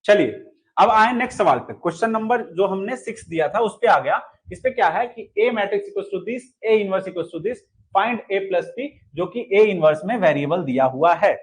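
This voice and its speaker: High-pitched teacher, quizzing students. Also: male voice, lively intonation, moderate pace, poor audio. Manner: asks students to answer and comment, repeats key points. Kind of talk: online lesson solving exam questions.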